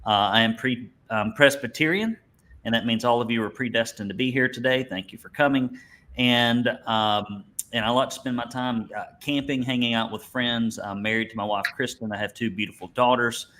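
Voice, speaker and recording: A webinar instructor and business coach from Alabama, this man talks in an Alabama Southern accent, folksy and joking, full of colorful turns of phrase. His voice is mid-range with a sharp tone, delivered at a moderate pace.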